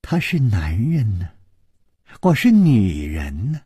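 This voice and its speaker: A teasing young woman who needles her lover with sly, coaxing murmurs, slipping into hushed breathy whispers. A man puts her on while reading the story, his husky voice swinging widely up and down in a dry, close sound. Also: fairly low pitch, huge pitch swings, slow pace, no room sound, voice pushed down, exaggerated voice. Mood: taunting. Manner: taunting, coy, breathy murmurs.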